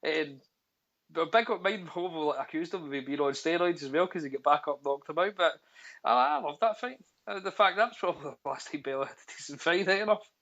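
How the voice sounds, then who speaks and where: A man's voice: a little high, brisk, fairly bright tone. A Scottish man with a Glasgow street accent, bantering casually and bluntly about sport with plenty of swearing and slang. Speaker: podcast panellist. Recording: dull, lo-fi voice line.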